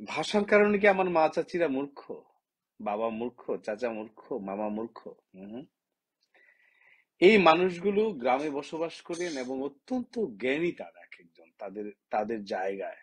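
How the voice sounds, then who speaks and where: A husky-voiced man speaks straight to the camera, a writer from Bangladesh making his case. He keeps firing impassioned rhetorical questions at his listeners. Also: fairly high pitch, big pitch swings, a little slow. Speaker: writer giving a talk. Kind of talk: direct-to-camera opinion talk.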